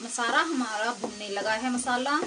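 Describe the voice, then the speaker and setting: At normal speed, a higher-pitched female host of a cooking channel gives plain, steady step-by-step narration. Sizzling and stirring in a pan are clearly audible in the kitchen background.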